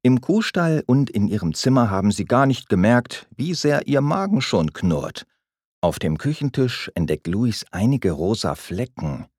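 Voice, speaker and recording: A man reading a children's story aloud, gentle and expressive. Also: mid-range voice, unhurried, dry recording, clean studio sound. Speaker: narrator.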